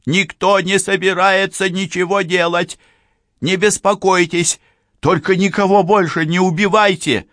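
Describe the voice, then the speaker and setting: A man's voice: medium pitch, sing-song, normal speed, a bit bright, no echo, clean studio sound, pitched above the performer's own voice. A man voicing a tough young female police officer, tense and commanding. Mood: shouting.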